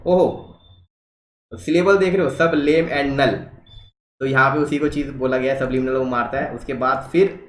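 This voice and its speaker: A man's voice: mid-range voice, steady tone, brisk, fairly bright tone, reverberant, low-quality recording. A man hosting a reaction video, reading social media posts aloud and commenting on them in a casual way, mixing in English phrases.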